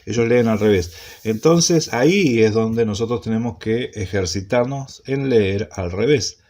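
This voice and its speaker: A man teaching an introductory Hebrew class, speaking slowly and repeating points, often checking in with a questioning "¿sí?". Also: on the low side, darkish tone. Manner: slow, repetitive, checks in with frequent "¿sí?". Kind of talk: classroom lecture.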